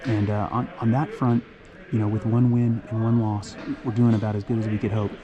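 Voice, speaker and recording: A man giving amateur play-by-play of a youth hockey game from the stands, getting worked up and shouting encouragement between chatty, joking asides. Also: lowish voice, level tone, fairly quick, lo-fi sound, a crowd in the background. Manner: chatty asides with dry jokes. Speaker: parent play-by-play commentator. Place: stands of an indoor ice rink. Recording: loud rink background noise.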